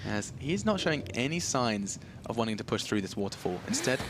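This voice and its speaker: A man giving play-by-play commentary on an esports match, getting excited and climbing in pitch at the big plays. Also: brisk, noisy background.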